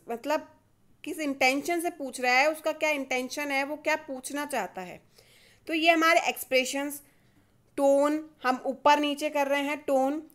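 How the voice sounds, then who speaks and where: A woman with an Indian accent teaching a casual video lesson, asking and answering her own questions in a lively way. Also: sits high.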